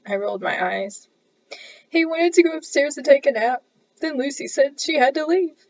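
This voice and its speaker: Gravelly-voiced woman reading her story. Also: high-pitched, moderate pace, dry recording. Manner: animated, playful storytelling. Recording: dull lo-fi recording.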